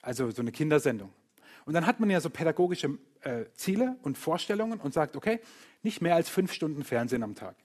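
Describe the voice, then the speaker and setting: A man preaching a sermon to a congregation, lively and playful, acting out other people's voices and joking with the listeners. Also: fairly high pitch, a little fast. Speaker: pastor.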